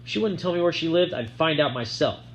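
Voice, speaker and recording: A man narrating a first-person novel chapter aloud in a steady, plain storytelling manner. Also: fairly high pitch, quick pace, a little hiss or hum. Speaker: audiobook narrator.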